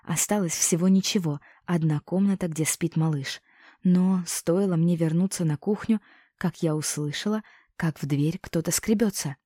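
Woman reading an audiobook, expressive storytelling, dry close sound. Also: lowish voice, normal speed, dry recording. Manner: expressive storytelling, voicing all characters. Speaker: audiobook narrator. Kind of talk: first-person scripted narration.

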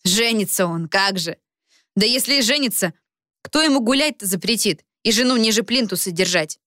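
A woman's voice: medium pitch, lively intonation, normal speed, a bit bright, dry recording, clean studio sound, lightly acted. Woman doing a cutting sarcastic roommate. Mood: scornful.

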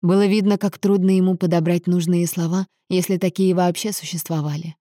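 A woman reading a novel aloud as a narrator, with even, measured storytelling. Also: lowish voice, dry recording, studio quality. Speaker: audiobook narrator. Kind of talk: scripted narration.

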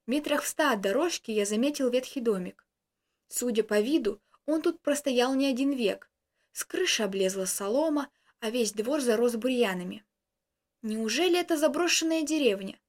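A woman reading a first-person story aloud in a steady, expressive way. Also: high-pitched.

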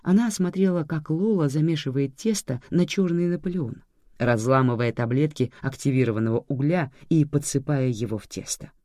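A narrator reading a story aloud in an expressive way. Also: mid-range voice, normal speed, no room sound, studio quality. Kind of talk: audiobook narration.

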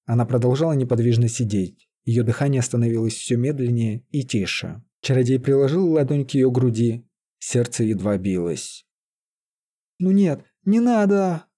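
A male narrator reads a fantasy story in a steady, even way. His voice is mellow and dark in tone, with a husky edge. The pitch sits in the middle of a man's range. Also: moderate pace. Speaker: audiobook narrator.

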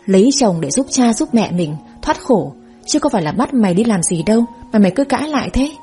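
A woman's voice: medium pitch, sing-song, brisk, mellow, faint music behind, lightly acted. A woman voicing a stern, middle-aged rural mother who scolds and insists on getting her way.

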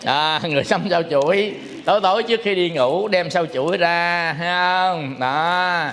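A man, a Buddhist monk, giving a dharma talk, telling stories lively and firing rhetorical questions at the listeners. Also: high voice, brisk, a little hiss or hum. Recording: long hall reverb.

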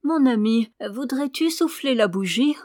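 Une femme qui prête sa voix à une jeune épouse coquette et piquée, au ton faussement angélique. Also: female voice, on the high side, lively intonation, moderate pace, darkish tone, no room sound, clean studio sound, natural voice. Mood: piqued. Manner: piqued, affected sweetness. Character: coquettish, prickly young wife at bedtime.

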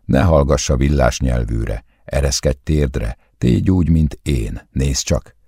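A man playing a fervent, shouting preacher-husband. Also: rumbling low, slightly rough, dry recording, clean studio sound, exaggerated voice. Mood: pleading. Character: desperate pleading pentecostal husband, fervent.

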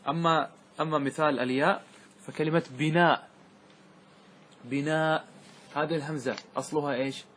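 Arabic grammar sheikh teaching a lesson. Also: male voice, fairly high pitch, fairly even intonation, a bit bright. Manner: asks students rhetorical checks like "clear?"; recites verse slowly, drawn out. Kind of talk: classroom lesson explaining verse.

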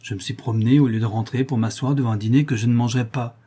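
A man's voice: mid-range voice, fairly even intonation, quick pace, warm tone, breathy edge, lightly acted. A man reading a storybook, voicing a proud, defiant young woman of twenty-five with a haughty, cutting manner.

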